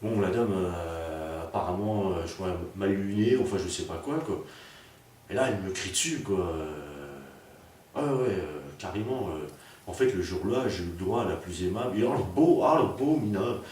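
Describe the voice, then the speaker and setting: Comic storyteller, male, low voice, full of puns and restarts; mic far off in a booming room. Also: lively intonation, normal speed, darkish tone. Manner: rambling, full of fillers and puns. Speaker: comedian. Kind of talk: rambling comic monologue. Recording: very echoey, distant, faint noise.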